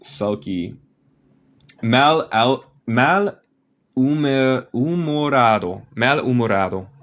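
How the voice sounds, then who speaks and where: A man from Michigan, speaking Spanish as a second language with an American accent, patiently reading a story and explaining words in a slow bilingual lesson. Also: medium pitch, expressive. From Michigan, United States. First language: English. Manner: patient, explains words aloud, thinks out loud. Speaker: language teacher.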